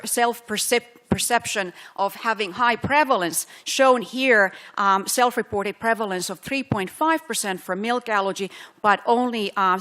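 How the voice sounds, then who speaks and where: Finnish-born woman presenting at a science meeting, steady middle voice, hesitant fillers. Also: mid-range voice. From Finland. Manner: many fillers and restarts, careful and explanatory. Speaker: physician researcher giving a conference talk. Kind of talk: scientific conference lecture.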